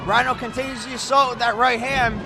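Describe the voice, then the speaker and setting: A man calling live wrestling as an excitable, emphatic play-by-play commentator. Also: extremely high pitch, brisk. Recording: loud crowd noise behind. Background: wrestling event crowd.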